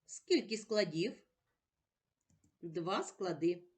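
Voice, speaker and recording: A woman teaching a special-education lesson at a very slow, deliberate pace. She sounds out each word patiently, and her pitch lifts and falls a lot as she coaxes the class along. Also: animated. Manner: patient, drawn-out, sounds words out one by one.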